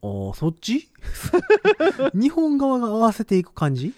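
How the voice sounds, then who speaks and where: A man's voice: very high voice, wildly swooping pitch, a little slow, a little mellow, no room sound, clean studio sound. A man with a Kansai accent co-hosting a podcast in casual, joking banter. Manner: joking banter with playful quoted asides. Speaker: podcast co-host. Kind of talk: casual chat.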